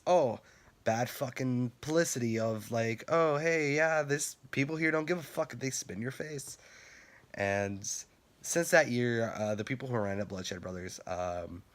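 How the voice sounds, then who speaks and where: A young man casually telling rambling, profanity-laced stories to camera, laughing now and then. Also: on the low side. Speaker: vlogger. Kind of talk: casual storytelling.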